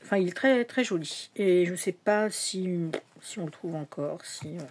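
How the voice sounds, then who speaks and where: A woman's voice: fairly low pitch, moderate pace, a little hiss or hum. A woman in a casual vlog, showing her tarot decks in a chatty, hesitant way with many fillers, sometimes dropping to a whisper. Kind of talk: casual show-and-tell vlog.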